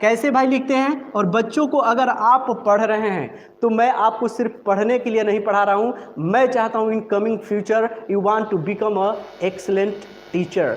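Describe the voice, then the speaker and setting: A man teaching a live online spoken-English class, drilling letters and words slowly and carefully in front of a board. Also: high voice. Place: room with a board. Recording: long reverb, faint room noise.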